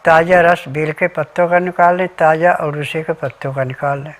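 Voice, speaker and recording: A man's voice: fairly high pitch, fairly even intonation, moderate pace. A man giving an instructional health talk as a remedy advisor, methodically listing ingredients and diet rules step by step.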